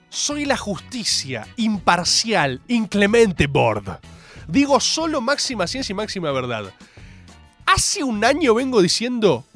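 A young man with a Rioplatense accent hosting a show, ranting sarcastically in a monologue. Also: very high voice. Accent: Rioplatense Spanish. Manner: sarcastic, animated, mocking voices. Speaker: host.

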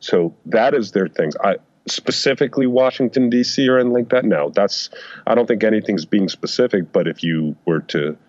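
A man giving interview answers in an electronically disguised deep voice, speaking in measured, hesitant phrases. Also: lively intonation, darkish tone, dry recording. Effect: voice disguiser lowering the voice. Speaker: guest, undercover FBI agent and author. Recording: dull lo-fi sound.

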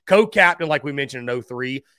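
A man's voice: medium pitch, lively intonation, fairly quick, pushed and bright, smooth, no echo, studio quality. A man hosting a sports countdown, announcing rankings and names with emphasis and talking to listeners as guys. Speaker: sports host counting down a ranked list. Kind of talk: top-five countdown sports commentary.

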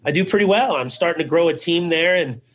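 A man's voice: fairly high pitch, fast talker, fairly bright tone. A middle-aged man telling his life story as an interview guest, loose and conversational, peppered with "you know" and "man", acting out old conversations. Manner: acts out remembered conversations. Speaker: interview guest, business founder.

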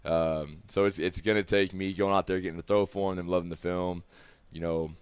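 Talking loosely and candidly in a studio room shared with several people, the twentysomething American football player has a low-pitched, level voice at a fairly quick pace. The tone is clean with no room sound.

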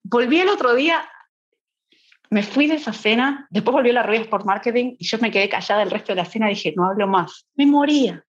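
A woman guest telling a lively anecdote in a podcast interview, acting out the dialogue and laughing often. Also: on the high side, brisk, highs cut off. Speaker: guest, business executive. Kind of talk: conversational anecdote.

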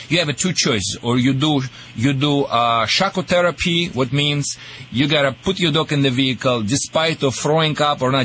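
A man from Russia with a Russian accent hosts a radio call-in show, giving jokey dog-training advice in halting English with repeated words. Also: mid-range voice, fairly bright tone, a little hiss or hum.

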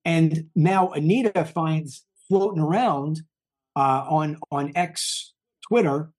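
A man's voice: a little high, takes it slowly. A man in his fifties hosting a political news show, talking in a heated, emphatic way and often repeating himself. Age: 50s. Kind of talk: political commentary.

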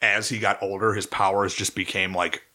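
A man's voice: low-pitched, level tone, moderate pace, pushed and bright. A man casually chatting on a podcast, rambling and swearing as he ranks movies. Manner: profane, rambling, enthusiastic. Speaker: podcast co-host. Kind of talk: casual chat.

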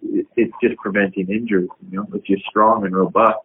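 A man being interviewed, speaking in a halting, rambling way with lots of fillers. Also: fairly low pitch, flat delivery. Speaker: interviewed pro cyclist. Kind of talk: recorded interview. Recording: husky voice over a tinny phone line.

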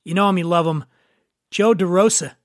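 A man's voice: sits high, normal speed, dry recording, clean studio sound. A man hosting a casual chat show, joking and teasing his guests. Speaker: host.

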